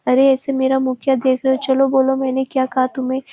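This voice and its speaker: A demanding young bride-to-be scolds her distracted fiancé, as a woman narrator reads her part. The voice sits high and barely moves in pitch, with a soft, mellow tone. It is a storybook reading, recorded close and dry. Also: completely flat delivery, fast, lightly acted. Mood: scolding. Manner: scolding, pouty.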